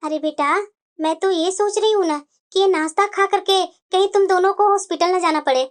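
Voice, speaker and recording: A woman's voice: very high-pitched, moderate pace, pitched below the performer's own voice. A woman voicing a fussy, scheming elderly mother-in-law in a cartoon, scolding and coaxing and calling her daughter-in-law again and again. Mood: teasing. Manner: scolding, coaxing, repeats "bahu". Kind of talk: cartoon voice acting.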